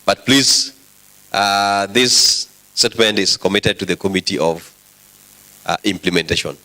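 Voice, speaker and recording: A man with a Kenyan accent presiding over an assembly, formal and directive, with halting delivery. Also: lowish voice, bright, forceful tone, poor audio. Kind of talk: formal parliamentary rulings. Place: assembly chamber.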